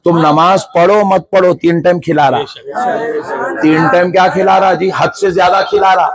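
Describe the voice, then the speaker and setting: A man with a high-sitting voice preaches a sermon to a large gathering, his fairly even intonation and moderate pace set against a live crowd in the background. He lists things in rhythmic repetition and builds toward impassioned, shouted cries.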